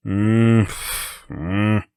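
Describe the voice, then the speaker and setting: A man's voice: fairly low pitch, extremely slow, gravelly, mellow, smooth, no echo, studio quality, voice pushed up, heavily acted. A man voicing a sleepy young man in a storybook reading, groaning and whiny.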